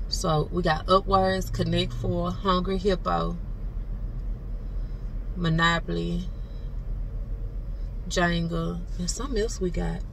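A woman's voice: fairly low pitch, creaky. A young woman, chatting straight to her viewers in a casual vlog. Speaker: vlogger. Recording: far from the mic with loud background noise.

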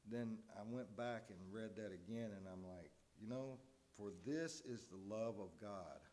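A man's voice: fairly low pitch, a little mellow. A middle-aged man from Tennessee, giving an informal, earnest sermon and often stopping to repeat his words. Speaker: lay preacher.

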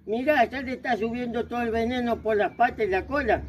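A man's voice: very high voice, fairly quick, a little hiss or hum. Man with doing an urgent little toad. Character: small, scared but brave young toad.

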